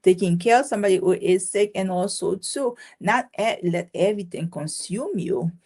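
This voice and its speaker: Born in Haiti and now running a caregiving business, she chats casually as an interview guest, restarting often, using fillers and laughing easily. Her mid-range voice is darkish with a breathy edge, at a normal speed.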